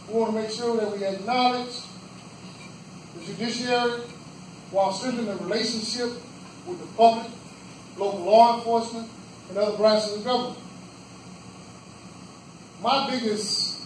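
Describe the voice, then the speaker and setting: A high-pitched man gives a campaign speech in short, earnest phrases. He is picked up from far off in a very echoey roadhouse room, with a faint hum of background noise. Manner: earnest, plain-spoken, pauses in short phrases. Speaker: judicial candidate giving a campaign speech.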